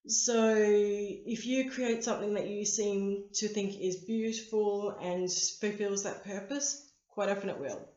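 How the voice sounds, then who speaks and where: A woman's voice: mid-range voice, darkish tone. A woman who is losing her voice chats casually about crystal grids in a rambling, friendly way, with lots of ums and likes. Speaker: crystal grid teacher and seller. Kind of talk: casual chatty vlog. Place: indoor shop space. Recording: roomy, dull lo-fi sound.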